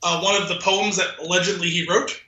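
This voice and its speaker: In casual podcast banter and a dramatic poem reading, a co-host keeps dissolving into laughter with evident amusement. He speaks briskly in a high, steady, pushed and bright voice that reverberates around him.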